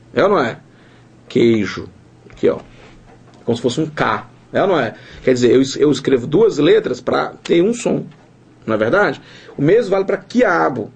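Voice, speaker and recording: Brazilian male teacher, fairly high, gravelly voice, animated and coaxing delivery. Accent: Brazilian Portuguese. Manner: animated, quizzes the viewer with tag questions. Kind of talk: recorded lesson.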